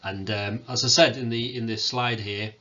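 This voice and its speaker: A man, a teacher giving a recorded farewell talk to his students, hesitant with many pauses and fillers, in a self-described monotone. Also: mid-range voice, highs cut off. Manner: hesitant, many ums, calls himself monotone. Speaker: sixth form teacher.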